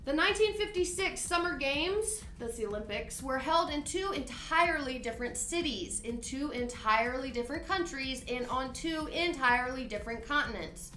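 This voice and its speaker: A woman hosts a casual live-stream trivia game, reading questions aloud and then bantering, chatty and giggly, with her co-host. Her high, sharp voice is animated, at normal speed with few pauses. The room is echoey, with faint music.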